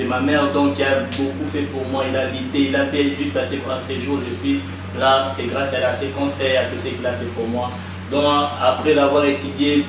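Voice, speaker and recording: Young man, Congolese French accent, halting speech full of restarts, heard from afar in a very echoey room. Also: medium pitch. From Kinshasa, Congo. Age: young adult. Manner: hesitant, many restarts and fillers, mixes in Lingala. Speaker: guest, association president. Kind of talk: interview answers. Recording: very echoey room, far from the mic, light noise.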